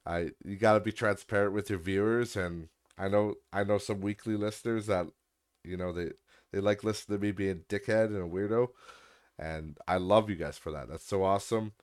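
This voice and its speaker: A young man with a nasal voice, on the low side and steady in tone, hosts a solo podcast and talks briskly. He rants in exasperation, swears, and keeps restarting his sentences.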